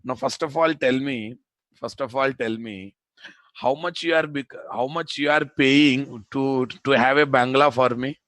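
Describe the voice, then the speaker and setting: Casting: male Indian tech teacher, Telugu accent, slow pace, dry close sound, repetitive and informal classroom delivery. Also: mid-range voice, steady tone, a bit bright, dry recording. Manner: repeats phrases for emphasis, informal bantering. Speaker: programming instructor. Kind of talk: live classroom lecture with repeated questions to students.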